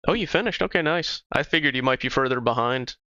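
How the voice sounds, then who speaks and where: A man's voice: mid-range voice, expressive, fast, bright, forceful tone, no room sound. A man livestreaming a game, chatting casually with viewers in a loose, profane way. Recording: slightly dull stream audio with music.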